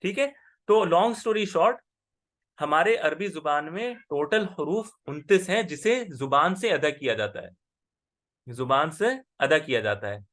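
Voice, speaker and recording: A man with a somewhat high voice teaches a class. He explains patiently and keeps pausing to check that the student is following. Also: animated, fairly bright tone. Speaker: Arabic grammar teacher. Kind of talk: online class lesson.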